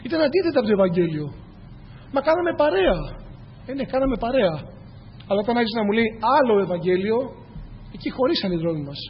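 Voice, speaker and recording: Brief: male preacher, high voice, earnest rhetorical sermon, muffled lo-fi recording. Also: very animated, pauses often. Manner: earnest, rhetorical questions, repeats key phrases. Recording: muffled, echoey hall with faint noise.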